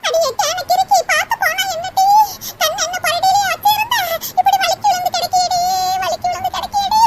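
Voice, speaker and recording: An actor voicing a sharp-tongued older village mother who scolds her daughter-in-law, in a cartoon. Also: steady tone. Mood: scolding. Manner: shrill, nagging, quick scolding. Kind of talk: cartoon voice acting. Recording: loud background noise.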